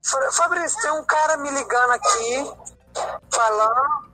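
A woman's voice: high-pitched, unhurried, sharp tone, faint music behind. A middle-aged mother heard on speakerphone during a casual phone call, talking in a scolding, exasperated way. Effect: heard over a phone on speakerphone. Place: out in the street, calling in.

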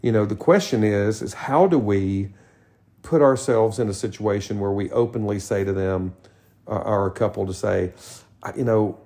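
A man's voice: lowish voice, moderate pace, warm tone. A man, co-hosting a podcast in casual, rambling chat. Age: 50s. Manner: rambling, restarts sentences often. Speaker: podcast co-host.

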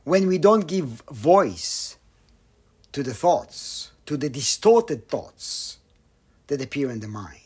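A man giving a Buddhist dharma talk, slow and reflective, with pauses and some phrases dropped almost to a whisper. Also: on the high side, very animated, breathy edge. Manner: slow, pausing, with soft near-whispered phrases. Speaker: meditation teacher.

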